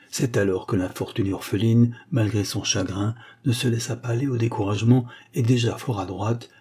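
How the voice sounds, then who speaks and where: Man reading a story aloud, dark husky voice, calm and steady. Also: on the low side. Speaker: audiobook reader. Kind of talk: scripted story narration.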